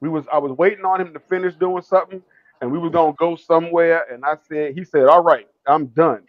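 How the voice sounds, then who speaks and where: High-voiced man telling stories on a talk show. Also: fairly even intonation, fast, dry recording. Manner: storytelling, laughs often. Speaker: co-host. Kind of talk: casual chat. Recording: dull, slightly lo-fi dry sound.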